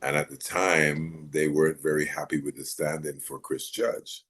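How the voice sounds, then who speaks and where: A middle-aged man from Jamaica, raised in Maryland, chatting in an interview in a relaxed, rambling way with many fillers. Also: a bass voice, normal speed, husky. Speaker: actor guest. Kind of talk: casual interview chat.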